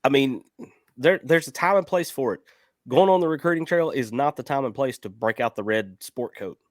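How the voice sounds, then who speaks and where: A man's voice: medium pitch, moderate pace, no room sound, studio quality. A man co-hosting a sports show, chatting casually in a plain-spoken, folksy manner. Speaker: sports podcast co-host. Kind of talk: casual chat.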